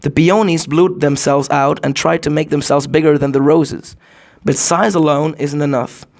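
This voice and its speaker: A male storyteller with some gravel in his voice reads as if opening a fairy tale. He addresses the listener directly and expressively, with the odd small stumble. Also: a little high, fairly even intonation, moderate pace, darkish tone. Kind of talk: fairy tale read aloud.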